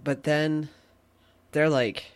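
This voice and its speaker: A man's voice: on the high side, steady tone, very slow. A man co-hosting a podcast in casual chat, laid-back, with short agreeing replies. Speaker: podcast co-host.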